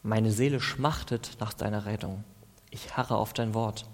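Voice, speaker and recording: A man's voice: on the low side, steady tone, a little slow. A man reading psalm verses aloud as a devotional, stopping now and then to comment in a plain, conversational way. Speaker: preacher. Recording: long hall reverb.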